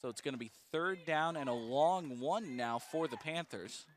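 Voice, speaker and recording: A man calling a college football game play by play. He is brisk and exact, calls each snap as it happens, and ticks off the down, the distance and the yard line in a steady broadcast cadence. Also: a little high, no room sound. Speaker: play-by-play announcer. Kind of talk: live football play-by-play commentary.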